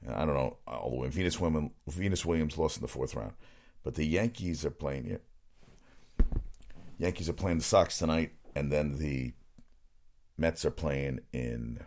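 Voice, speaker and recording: A man's voice: rumbling low, measured pace, pauses often, a little mellow. A man hosting his own sports podcast, rambling casually from topic to topic and swearing freely. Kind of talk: casual solo sports talk.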